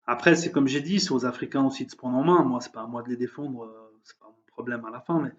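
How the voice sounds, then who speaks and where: Speaking fast in a steady, medium-pitched voice over lo-fi audio, a vlogger rants about current events. He is emphatic and heated yet keeps stumbling over fillers.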